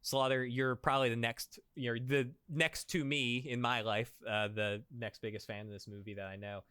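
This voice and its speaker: A man hosting a casual movie podcast, rambling and laughing often, trailing off quietly. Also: medium pitch, fairly even intonation, moderate pace, clean tone, dry recording. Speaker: podcast host. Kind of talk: casual chat.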